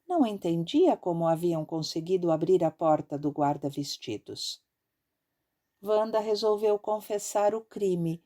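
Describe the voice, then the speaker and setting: A woman narrating an audiobook in a measured, expressive reading style. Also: on the low side.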